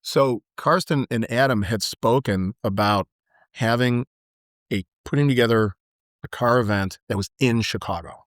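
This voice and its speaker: A man's voice: medium pitch, measured pace, dry recording, clean studio sound. A middle-aged man, a podcast guest, reflecting and telling stories in an earnest, conversational way. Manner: reflective storyteller, warm and earnest. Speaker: guest, business owner and author. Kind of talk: casual chat.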